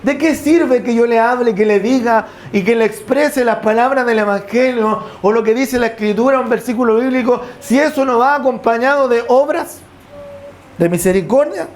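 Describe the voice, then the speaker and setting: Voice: medium pitch, moderate pace. Preacher questioning the congregation. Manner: reads scripture aloud and questions the congregation; repeats stock praise phrases. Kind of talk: sermon. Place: church service with a congregation.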